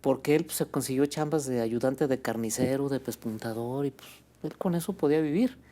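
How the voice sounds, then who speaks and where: A man with a Mexican accent, a guest on an interview show, telling a family story in a relaxed way, with many fillers like "este" and "pues". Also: medium pitch, fairly quick. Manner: relaxed, fills with "este" and "pues", ends phrases with "¿no?". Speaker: guest, birria restaurant owner.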